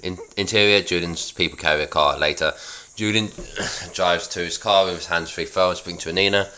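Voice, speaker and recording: A man reads his old sitcom script in a loose, offhand way. His voice sits extremely low yet sounds bright and forceful. He keeps breaking off to mock his own writing. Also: fairly even intonation, brisk. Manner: offhand, self-mocking commentary. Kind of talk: casual script read-through with asides.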